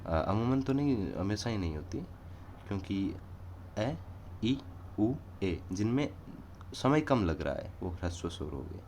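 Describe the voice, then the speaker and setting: Low-voiced guy teaching grammar online, patient, lots of "uh" pauses, faint hum behind. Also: sing-song, a little mellow. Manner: explains patiently, pauses on filler sounds. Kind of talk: casual online grammar lesson. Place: indoors near a railway line.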